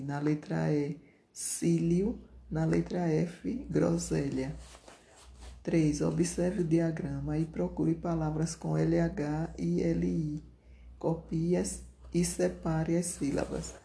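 A teacher going through homework answers at an unhurried, deliberate pace. The voice is dark and warm with a gravelly edge. Each answer is dictated clearly and repeated, punctuation included. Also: medium pitch. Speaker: primary school teacher.

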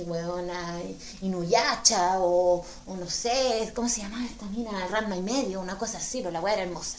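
A woman with a Chilean accent telling a comic story, slangy and animated, acting out the voices in her tale. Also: mid-range voice, roomy sound, slight background noise. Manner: animated, slangy, acts out dialogue. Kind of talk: stand-up storytelling.

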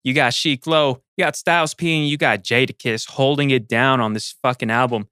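A man's voice: mid-range voice, steady tone, a little fast, bright, forceful tone, smooth, no echo, studio quality. Hyped-up male podcast co-host. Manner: hype, talks to listeners as "people". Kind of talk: casual hip hop album review chat.

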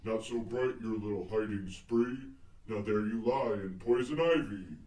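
A man's voice: on the low side, unhurried, mellow, lightly acted. A man voicing a menacing Bigfoot captor who speaks in threatening sing-song rhymes. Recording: echoey, from far off the mic.

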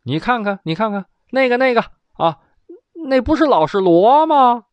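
A man playing a loud jovial emperor. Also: fairly high pitch, expressive, normal speed, dry recording, muffled recording, lightly acted. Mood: jovial calling. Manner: loud, raised and playful. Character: commanding middle-aged male emperor, jovial.

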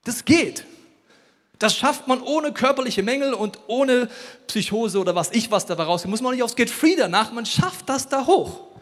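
High-voiced preacher in a reverberant hall. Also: male voice, normal speed. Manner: lively storytelling preacher, acts out voices. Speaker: pastor. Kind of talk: sermon. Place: church service.

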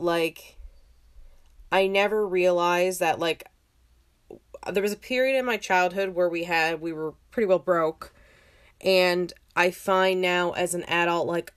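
Lower-pitched woman chatting from her bathroom. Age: 30s. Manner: informal, hesitant phrasing with frequent "like" and self-corrections. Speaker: podcast host. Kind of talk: casual reflective solo podcast chat. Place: home bathroom. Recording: home recording in a bathroom.

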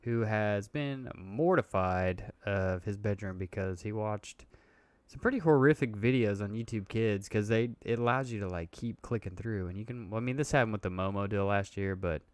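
A man in casual podcast banter, blunt and crude with a joker's edge. His voice sits low and smooth. The sound is close and dry, with no room around it. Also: normal speed, no room sound. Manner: profane, blunt and joking. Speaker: podcast co-host.

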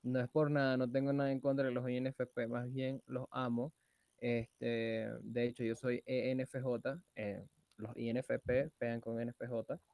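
Venezuelan guy cohosting a podcast, jokey slang, gets loud sometimes, dry mic. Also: medium pitch, flat delivery, normal speed, dry recording. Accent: Venezuelan Spanish. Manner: slangy, joking, loud bursts when mimicking others. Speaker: podcast co-host. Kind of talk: casual chat.

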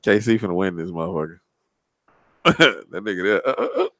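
A man's voice: deep voice, sing-song, brisk, a bit bright, no room sound. A man co-hosting a podcast in casual banter, teasing and swearing freely in slangy talk. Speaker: podcast co-host.

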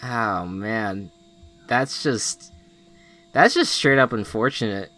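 Male co-host, low but bright-toned, blunt and crude. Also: expressive, takes it slowly, faint music behind. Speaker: podcast co-host. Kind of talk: casual podcast chat.

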